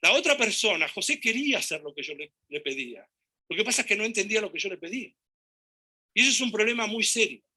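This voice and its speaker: Bright, high-voiced Rioplatense man. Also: quick pace, slightly rough. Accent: Rioplatense Spanish. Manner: animated, acts out dialogue and gestures while telling anecdotes. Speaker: speaker giving a talk. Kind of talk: storytelling talk to an audience.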